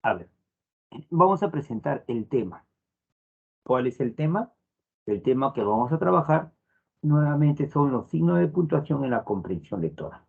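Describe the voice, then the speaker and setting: A man's voice: mid-range voice, big pitch swings, moderate pace, creaky, long pauses, slightly rough. Man teaching over a tinny line. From Peru. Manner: repeats phrases, frequent "estamos" and "a ver" fillers. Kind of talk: online class lecture. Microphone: phone. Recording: tinny phone-like lo-fi audio.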